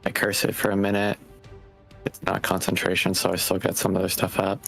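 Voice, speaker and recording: A tabletop game player calmly explaining a spell and its rules. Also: low voice, brisk, creaky, soft background music. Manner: matter-of-fact rules explanation. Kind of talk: casual tabletop play.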